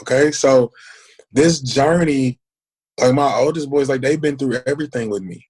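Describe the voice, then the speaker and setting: A man's voice: mid-range voice, normal speed, darkish tone, slightly rough. Earnest man in his forties. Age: 40s. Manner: earnest, emphatic, repeats questions for emphasis. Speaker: podcast guest. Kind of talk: casual conversation.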